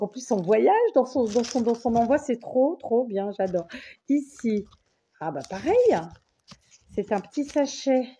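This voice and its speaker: With a mid-range, dark, breathy voice, this chatty woman from France gushes over paper bags she received in the mail. Her casual unboxing vlog is full of enthusiasm, repeated declarations of love, thinking aloud, restarts and trailing off.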